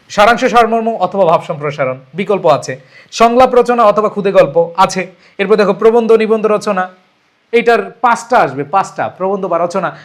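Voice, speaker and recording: A young male teacher giving an exam-prep lesson in a high voice. He talks emphatically, repeating key points over and over and dropping English words into his sentences. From Bangladesh.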